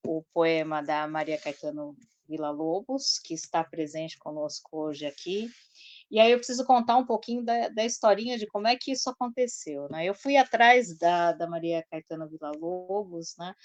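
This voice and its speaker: A woman's voice: lowish voice, no echo, highs cut off. A woman hosting a live talk show, telling a story in a chatty way full of asides and tag questions. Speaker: host.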